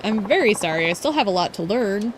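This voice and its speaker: A woman's voice: medium pitch, animated, fairly quick, background noise, lightly acted. Woman reading a meek, polite young idol girl. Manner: apologetic and meek.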